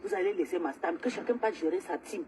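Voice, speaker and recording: A woman's voice: lowish voice, lively intonation, fast. Angry woman ranting on a noisy livestream. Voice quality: agitated, loud, repetitive ranting. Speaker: live streamer. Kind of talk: angry social media livestream rant.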